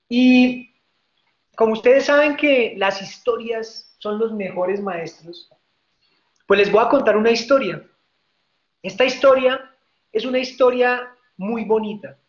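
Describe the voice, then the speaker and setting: A male preacher who tells a story as a lively storyteller and speaks directly to his audience, in a hall with microphones. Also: high-pitched. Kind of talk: storytelling sermon. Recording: roomy, dull hall audio.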